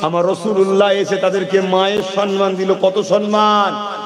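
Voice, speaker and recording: A man's voice: sits high, little pitch movement, normal speed. A man preaching a sermon at a religious gathering, often chanting his lines in a sing-song way and calling on the crowd to answer. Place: large outdoor religious gathering. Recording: echoey hall with music behind.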